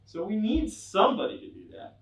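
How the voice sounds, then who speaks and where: A man's voice: high-pitched, very animated, fairly quick. Wry middle-aged man speaking in an echoey room. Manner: wry, acts out mock dialogues. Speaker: conference speaker. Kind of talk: humorous technical talk. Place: event room with an audience. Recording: echoey room, mic at a distance.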